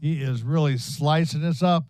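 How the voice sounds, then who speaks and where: A man's voice: a little high, normal speed, a little mellow, smooth, dry recording, poor audio. A man giving playful color commentary on a ski race, joking with his co-announcer. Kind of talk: live sports commentary.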